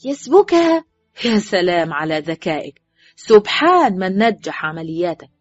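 A woman voicing a loud, mocking male friend. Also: medium pitch, big pitch swings, quick pace, slightly rough, no echo. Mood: incredulous. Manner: loud, needling and incredulous. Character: man, teasing, mocking friend. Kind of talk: audiobook character voice. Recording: dull, dry recording with faint music.

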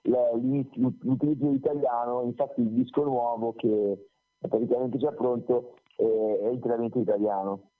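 A man's voice: medium pitch, fairly even intonation, moderate pace. A man who sings in a band answers interview questions over a phone call, talking in a loose, rambling way and correcting himself as he goes. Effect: heard over a phone call. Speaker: singer of a band, interview guest. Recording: tinny phone line.

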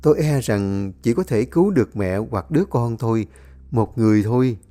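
A storyteller voicing a humble, calm older village midwife speaking softly and respectfully. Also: mid-range voice, normal speed, faint music behind, natural voice. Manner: soft, respectful, subdued.

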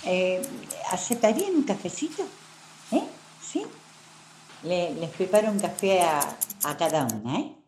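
A woman's voice: fairly low pitch, very animated, a little slow, pauses often, darkish tone, a little hiss or hum. An Argentine woman playing an eager, obliging salon assistant in a radio comedy.

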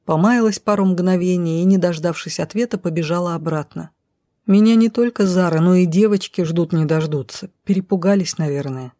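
A woman narrating a first-person audiobook in an expressive, dramatic reading. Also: fairly low pitch, a little fast, no echo, studio quality.

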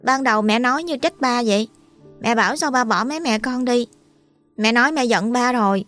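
A woman's voice: a little high, brisk, a bit bright, faint music behind, voice pushed up, lightly acted. A woman voicing a frightened young boy who stammers and repeats his words. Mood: scared.

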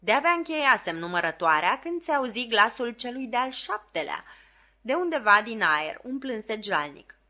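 A woman reading a classic novel aloud as an audiobook, with clear and expressive storytelling. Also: fairly high pitch. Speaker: audiobook reader.

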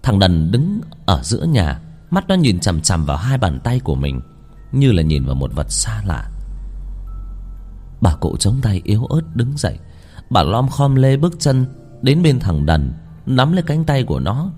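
A man narrating a ghost story in a low, hushed, dramatic way. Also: sing-song, normal speed, husky. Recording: faint music behind.

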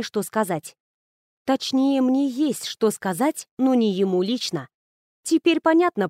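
A woman reading a first-person novel aloud as an audiobook, in a measured, even manner. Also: fairly high pitch, dry recording, clean studio sound. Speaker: audiobook narrator.

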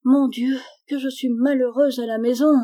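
A petulant little girl from an old storybook, sulky and whining, as a woman reader puts her on. Her voice rises high and pleading, with a mellow, soft tone. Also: moderate pace, close to an everyday voice. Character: spoiled sulky young girl Gisèle.

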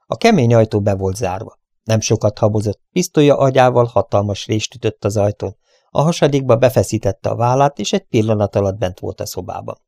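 Low, gravelly male narrator, dark tone, dry close recording; steady storytelling. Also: dry recording. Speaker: audiobook narrator. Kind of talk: scripted adventure narration.

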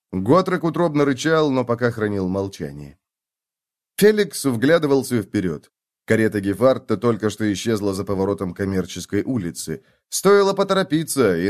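A male narrator reads an adventure audiobook with a dramatic, expressive delivery. His voice sits in the middle of the male range, moving with lively pitch.

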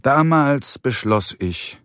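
Male audiobook narrator, sardonic, slow, lively pitch, dry close sound. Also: no room sound. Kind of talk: first-person audiobook narration.

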